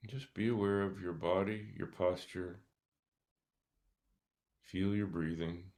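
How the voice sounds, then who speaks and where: A man leading a guided meditation, speaking softly and calmly with long pauses between short instructions. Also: deep voice. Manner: slow, calm, soft-spoken instructions with pauses. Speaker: meditation teacher.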